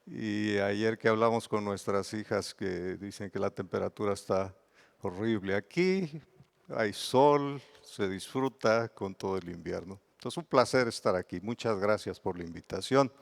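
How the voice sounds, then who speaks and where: Gravelly Mexican man lecturing on bees. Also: lowish voice, unhurried. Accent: Mexican Spanish. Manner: explanatory, defines terms with examples. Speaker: bee researcher giving a lecture. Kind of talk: conference lecture.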